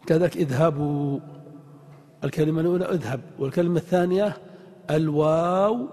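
Male teacher, fairly high husky voice, deliberate lecturing, long hall reverb. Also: mellow. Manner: deliberate, spells out examples, asks the class questions. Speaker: grammar teacher. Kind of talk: lecture on Arabic grammar.

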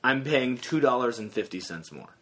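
Guy cohosting a podcast at a buddy's house, voice bounces up and down a lot, talks stuff through out loud. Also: medium pitch, lively intonation, moderate pace. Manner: chatty, works through the numbers aloud. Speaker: podcast co-host. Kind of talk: casual podcast chat. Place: friend's house.

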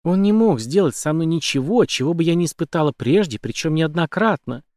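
Man playing a soft-spoken female killer, composed, menacing, lively raised voice, dry close sound. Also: a little high, brisk, no room sound, pitched above the performer's own voice, lightly acted. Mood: calm menace. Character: cold calm female killer, young woman.

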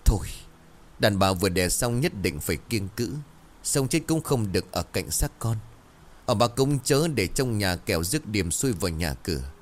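A man voicing a stern, scolding old village midwife woman with a shrill voice, in a told horror story. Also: lively intonation, moderate pace, lightly acted. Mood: bitter.

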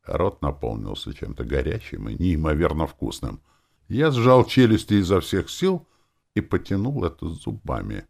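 Deep, gravelly male audiobook narrator. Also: moderate pace. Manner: dramatic, expressive storytelling. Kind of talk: first-person audiobook narration.

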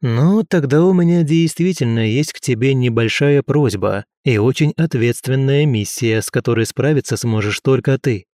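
A man voicing a young male academy student who speaks in a wry, brisk way. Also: mid-range voice, a little mellow, no room sound, clean studio sound, close to an everyday voice.

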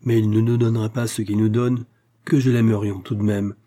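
A man's voice: lowish voice, little pitch movement, brisk, dark tone, natural voice. A man voicing a chattering old peasant woman. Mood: fretful gossip. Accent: rural French peasant dialect. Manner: rambling, fussing, rustic grammar. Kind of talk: audiobook character reading.

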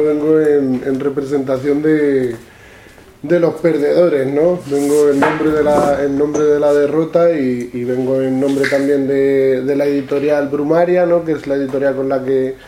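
Halting Manchegan man giving a talk. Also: a little high, little pitch movement, dark tone, slight background noise. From La Mancha, Spain. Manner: halting, repeats words and adds "¿no?" often. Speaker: author presenting his books. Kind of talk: public talk. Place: event room with an audience. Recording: echoey room.

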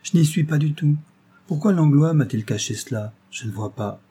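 A man's voice: fairly high pitch, animated, moderate pace, dark tone, husky, pitched above the performer's own voice. A man reading aloud voices a kindly, good-natured middle-aged husband who is easily flustered. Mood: earnest.

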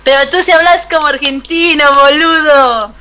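A woman's voice: sits high, steady tone, moderate pace, pushed and bright. A woman guest on a podcast, chatting in a playful, affectionate way. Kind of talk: casual chat.

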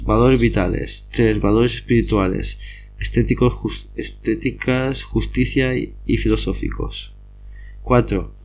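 A man reads through philosophy study notes in an even, mid-range voice, tripping over words now and then and going back to fix them. The recording is a little dull and muffled. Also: medium pitch. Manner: reads steadily with frequent slips and restarts. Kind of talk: reading lecture notes aloud.

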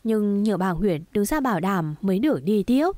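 A tender middle-aged mother, voiced by a woman reader, patient and sorrowful in a spoken romance story. She talks softly and coaxingly at an ordinary pitch. The recording is dry and close. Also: lively intonation, moderate pace, no room sound, close to an everyday voice. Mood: recounting.

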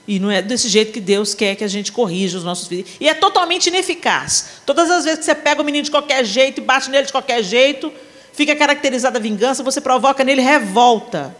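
A high, bright female voice with a Brazilian Portuguese accent, swinging widely in pitch as she preaches. She tells stories with humor and animation, and her words ring with a long reverb from a large hall. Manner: animated, acts out family scenes with shifting voices. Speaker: preacher at a women's conference. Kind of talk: sermon with humorous storytelling.

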